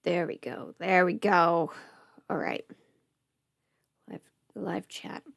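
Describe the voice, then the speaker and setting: This woman's voice is fairly low yet fairly bright, slow and steady, with some vocal fry, and the studio-quality audio has no room sound. Home sick with covid, she hosts a livestream as an audio creator, chatting in a rambling way, thinking aloud and interrupting herself.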